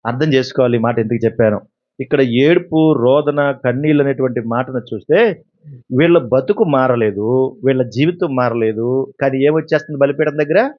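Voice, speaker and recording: A man's voice: mid-range voice, normal speed, highs cut off. A male pastor with a Telugu accent preaches a sermon, putting questions to the congregation and answering them himself, and acting out the words of the people in his story. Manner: acts out the words of God and of people in his own voice.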